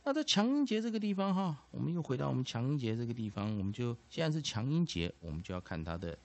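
A man's voice: mid-range voice, sing-song, fast, creaky, no room sound. A man teaching English pronunciation, padding his sentences with filler particles and repeating each point. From Taiwan. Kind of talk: explanatory lesson.

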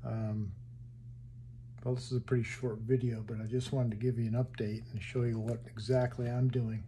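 A man casually walking through his hobby wiring build in a home workshop, halting and thinking aloud as he handles parts. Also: medium pitch, flat delivery, mellow, a little hiss or hum.

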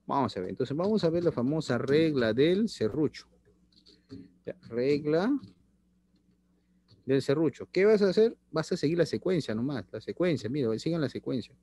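A middle-aged man gives an online chemistry class by video call in a small room, using his laptop webcam. His slightly high voice has lively intonation, a warm, breathy tone and a moderate pace. He repeats phrases and checks in with the students.

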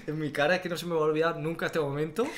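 In a casual storytelling chat, a young Andalusian co-host from Almería laughs often and imitates the people he quotes. He speaks rapid-fire in a slightly high voice. The setting is a small studio room, with him at a desk using a desk microphone on a stand.

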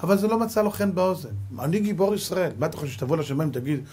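A middle-aged man, giving a Torah lesson as a rabbi and telling stories dramatically, swinging from loud exclamations to quiet asides. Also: on the high side, lively intonation, husky, faint music behind. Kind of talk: animated Torah lesson with storytelling.

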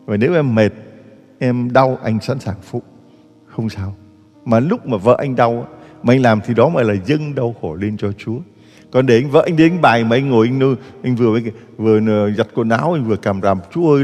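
Animated man preaching in an echoey hall. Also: mid-range voice, creaky. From Vietnam. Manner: lively, mocking, acts out quoted dialogue. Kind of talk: sermon.

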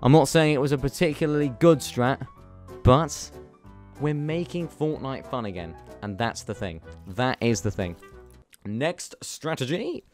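Giggly young man with a lively voice. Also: medium pitch, unhurried, soft background music. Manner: excitable, giggly, talks to himself. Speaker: gaming YouTuber. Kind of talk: gameplay commentary.

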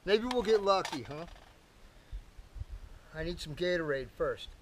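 A man's voice: fairly high pitch, animated, a little slow, a little hiss or hum, low-quality recording. An older man casually talking to camera while building a campfire at a lakeside campsite, chatty and folksy, calling viewers folks. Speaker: camping vlogger. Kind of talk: casual outdoor talk to camera. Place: outdoors at a lakeside campsite fire pit. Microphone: camera-mounted mic from a few meters away.

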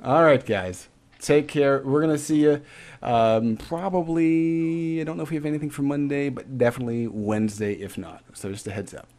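A man's voice: mid-range voice, normal speed. A man hosting a live stream, chatting casually and loosely with lots of laughs and fillers as he wraps up. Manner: relaxed, laughing, filler-heavy. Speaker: stream host. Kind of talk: casual sign-off chat.

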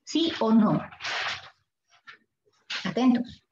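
A woman's voice: a little high, sing-song, darkish tone. Peruvian woman teacher drilling spelling rules. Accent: Peruvian Spanish. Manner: questioning, repeats words slowly to drill the class. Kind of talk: language lesson. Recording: echoey room, dull sound, faint noise.

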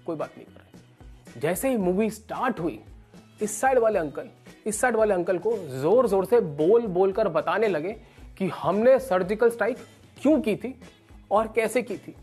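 A man's voice: high-pitched, normal speed, husky, faint music behind. A man in his thirties doing stand-up, telling comic stories and acting out other people's lines. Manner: animated, acts out characters with raised voice. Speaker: stand-up comedian. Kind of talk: stand-up storytelling.

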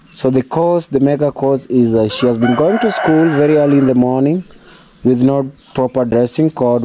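The recording is muffled, with a noisy background, as a young Kenyan man speaks in a mid-range voice for his home vlog outdoors at a rural home. Using English, not his first language, with a Kenyan accent, he chats casually to viewers he calls "guys," occasionally turning preachy and prayerful.

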